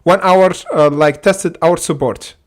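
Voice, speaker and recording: This is a native Arabic speaker running a stock trading livestream with loose chart commentary. He's excitable, with a slightly high voice and a measured pace, and he keeps saying "okay?" amid lots of fillers.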